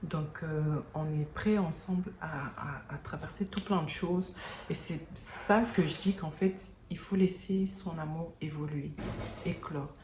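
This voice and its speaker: A woman vlogging indoors near an airport by day speaks earnestly and casually to camera, pausing frequently to restart sentences in a slightly low, darkish voice. Only the camera mic is used, so the audio is echoey, with a faint background hum and passing planes and sirens.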